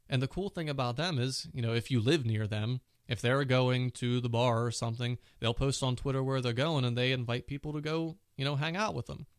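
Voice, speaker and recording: Sore-throated and fighting a cold, a man runs his own casual tech podcast in a chatty style full of "you know" fillers. His voice is medium in pitch, clear, and resonant, and the recording is dry and studio quality.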